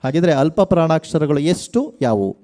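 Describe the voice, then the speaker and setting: A man runs a college quiz show on the radio, his voice a touch high and mellow. He spells out questions slowly and cheers the teams on with energy. The sound is dry and close. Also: dry recording. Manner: energetic, coaxing contestants, slow emphatic questions. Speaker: quizmaster.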